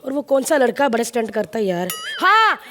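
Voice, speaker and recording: A woman's voice: a little high, sing-song, fairly quick, fairly bright tone. A woman playing a sassy, quarrelsome newlywed bride in a stage comedy sketch. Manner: sassy, teasing. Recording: studio audience laughter and noise.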